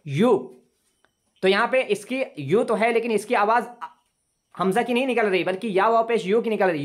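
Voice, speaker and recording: Patient man teaching English online. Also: high voice. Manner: patient, repeats words slowly for learners. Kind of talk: online lesson explaining grammar rules. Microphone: computer mic on a video call.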